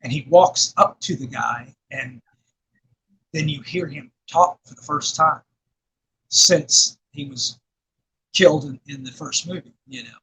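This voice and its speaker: A man's voice: a little high, unhurried, long pauses, a bit bright, a little hiss or hum, rough recording. A middle-aged man from Arkansas being interviewed, talking in a rambling way with lots of fillers and restarts. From Arkansas, USA. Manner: rambling, many fillers and restarts, laughs often. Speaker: guest filmmaker and actor. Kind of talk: casual interview chat.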